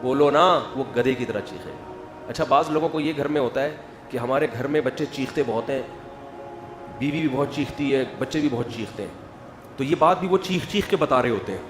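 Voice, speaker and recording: A man giving a humorous religious talk, acting out quoted voices and building to loud emphasis. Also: mid-range voice. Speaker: Islamic preacher. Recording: echoey hall with faint music.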